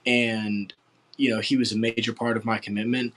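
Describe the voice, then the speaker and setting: Young man from West Virginia, late teens, somewhat low pitch, earnest, rambling, lots of fillers, casual interview. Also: level tone, moderate pace, a bit bright, poor audio. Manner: earnest, rambling, full of "you know" fillers. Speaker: football recruit interviewee.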